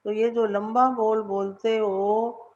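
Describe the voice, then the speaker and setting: A woman's voice: fairly high pitch, flat delivery, slow, darkish tone, lo-fi sound. A woman giving a devotional lecture as a spiritual teacher, repeating words for emphasis and asking her listeners questions.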